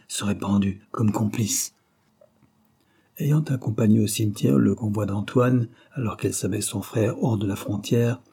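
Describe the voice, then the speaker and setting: A man reading a novel aloud as narrator, in a measured, grave storytelling manner. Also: lowish voice, vocal fry, warm tone, slightly rough. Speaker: audiobook reader.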